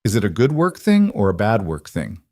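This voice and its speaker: A man's voice: fairly low pitch, wildly swooping pitch, brisk, a little mellow, no room sound, studio quality, heavily acted. A man reading the lines of a curious, caring seven-year-old boy in a story.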